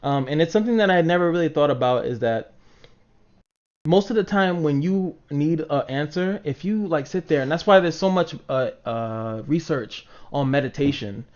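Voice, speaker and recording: With a fairly high, slightly mellow voice, lively intonation, and normal speed, the man addresses his livestream chat casually and swears as he rambles, acting out reactions. The mic sound is dull and lo-fi.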